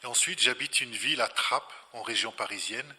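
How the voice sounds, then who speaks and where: A man with a mid-range, husky voice speaks at normal speed in a pushed, bright way, addressing a reverberant hall as an invited scholar at a public talk. He answers spontaneously in lecture style, explaining reflectively and didactically and repeating phrases for emphasis.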